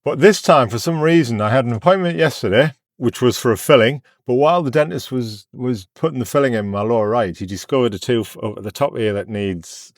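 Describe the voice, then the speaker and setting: A middle-aged British man, a YouTube vlogger, chats casually and candidly to his phone, which sits in a windscreen holder inside his car. His mid-range voice moves fairly quickly with hardly any pauses, and the recording is dry with clean studio sound. He rambles a little, and his speech comes out slightly funny because dental anesthetic has left his mouth numb.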